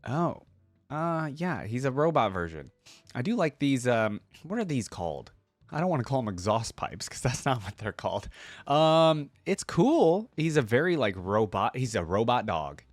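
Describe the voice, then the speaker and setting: This YouTube reaction host speaks at a medium pitch, recorded with no room sound. His commentary is loose and unscripted, full of opinions as he works through his thoughts aloud.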